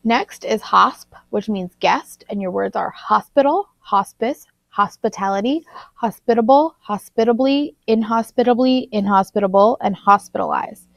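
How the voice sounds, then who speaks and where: A woman teacher recording a vocabulary lesson, slowly enunciating and spelling out words. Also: a little high, creaky, dry recording. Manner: slow, deliberate word-by-word spelling and enunciation. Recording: dull lo-fi recording.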